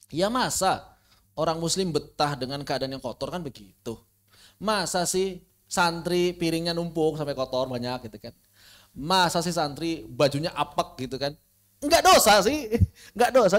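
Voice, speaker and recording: Animated high-voiced male religious teacher. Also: moderate pace. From Indonesia. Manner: conversational, rhetorical questions, swings from soft asides to animated emphasis. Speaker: Islamic studies teacher. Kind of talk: informal religious lesson. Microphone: online class recording.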